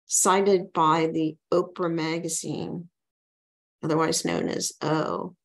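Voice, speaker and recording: A woman hosting a poetry reading over a video call, introducing a featured poet from prepared notes. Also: on the low side. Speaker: reading host.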